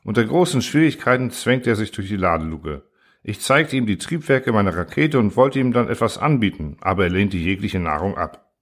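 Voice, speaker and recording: Low-voiced man narrating a story. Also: lively intonation, fairly quick. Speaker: audiobook narrator. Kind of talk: first-person story narration.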